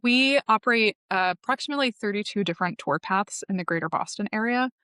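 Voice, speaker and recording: A woman's voice: mid-range voice, expressive, quick pace, sharp tone, clean tone, no room sound, studio quality. A woman guest on a podcast, explaining her tour company in long, enthusiastic, informative answers. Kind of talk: podcast interview.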